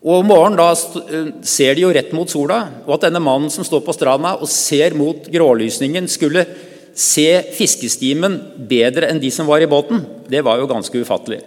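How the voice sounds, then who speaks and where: Mann som preker i kirke med lang etterklang. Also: male voice, a little high. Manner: calm, measured storytelling with pauses and small restarts. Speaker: preacher. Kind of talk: sermon. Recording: church with long reverb.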